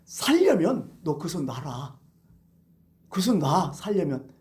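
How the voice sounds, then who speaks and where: A preacher voicing God, calm and firm. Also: male voice, fairly high pitch, slow. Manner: calm, reassuring, then commanding. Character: God answering calmly, patient and firm.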